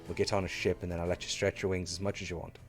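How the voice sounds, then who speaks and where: A man playing a gentle adventurer hushing a pet dragon. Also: sits low, level tone, racing, soft background music, lightly acted. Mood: coaxing. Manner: soft, hushed coaxing.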